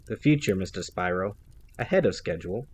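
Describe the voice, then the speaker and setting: Man reading as a smug teen mastermind, crisp, formal, audiobook voice. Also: low voice, expressive, fairly quick. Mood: cool. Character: arrogant young teen male genius, cool and precise.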